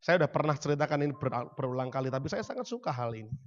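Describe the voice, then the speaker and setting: A man preaching a sermon, telling stories dramatically and swinging from quiet to loud. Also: medium pitch, lively intonation, rapid-fire, lo-fi sound, a little hiss or hum. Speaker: pastor.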